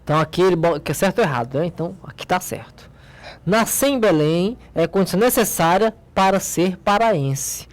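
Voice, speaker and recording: A woman with a lowish voice teaches a logic class in a Brazilian accent. She walks through each exercise patiently, pointing at the page and asking her own questions before answering them. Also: expressive, a little fast. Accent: Brazilian Portuguese. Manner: explains step by step, asks and answers own questions, frequent "né?" and "ó". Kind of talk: recorded logic lesson.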